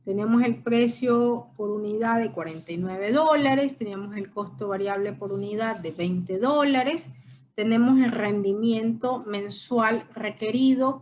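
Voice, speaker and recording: Woman, lecturer, high-pitched, explanatory, faint background hiss. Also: darkish tone. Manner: explanatory, frequent checking questions. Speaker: teacher. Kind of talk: recorded online lecture.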